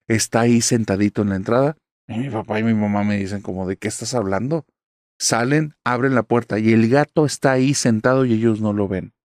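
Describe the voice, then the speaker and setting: A man reads a listener's horror story in the first person, in an even, steady storytelling voice. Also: fairly low pitch, no room sound, clean studio sound. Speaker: narrator.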